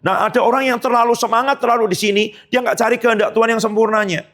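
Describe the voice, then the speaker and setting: A male pastor giving a sermon in an animated, conversational way, with many tag phrases. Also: very high-pitched, fast.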